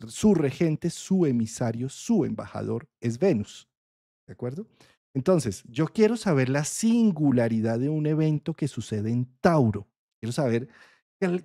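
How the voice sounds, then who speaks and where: Colombian man teaching astrology, mellow voice. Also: medium pitch, no room sound, clean studio sound. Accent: Colombian Spanish. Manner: conversational, checks in with frequent "¿sí?". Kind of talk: explanatory astrology lesson.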